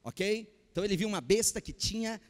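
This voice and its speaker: A Brazilian man with a Brazilian Portuguese accent preaching a Sunday sermon, calling out questions to the congregation and swinging between loud and hushed. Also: high voice, fairly quick. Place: church hall. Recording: long hall reverb.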